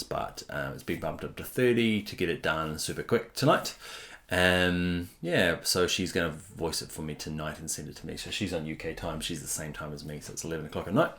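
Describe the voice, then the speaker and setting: A deep-voiced web developer talks softly through a casual screen-recorded tutorial at home at night while his family sleeps, rambling with many fillers. He's recorded on his computer mic while screen recording.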